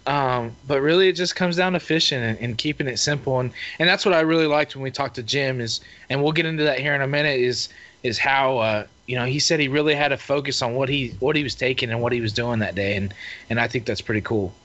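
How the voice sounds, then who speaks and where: A man co-hosting a casual fishing show chat, relaxed and rambling with many fillers. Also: medium pitch, fast. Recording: muffled lo-fi audio.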